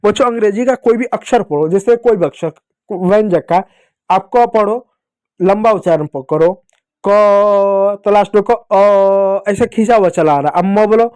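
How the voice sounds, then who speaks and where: High-voiced man teaching children. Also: brisk, a little mellow. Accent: Indian Hindi. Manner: patient, repeats key points, asks and answers own questions. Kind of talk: classroom lesson to children.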